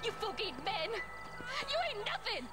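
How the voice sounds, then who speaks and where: A woman's voice: extremely high pitch, big pitch swings, moderate pace. An actress playing an angry frontier townswoman in a western game, with an American accent and an accusing, impassioned delivery. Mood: distraught, bitter. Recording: loud music behind.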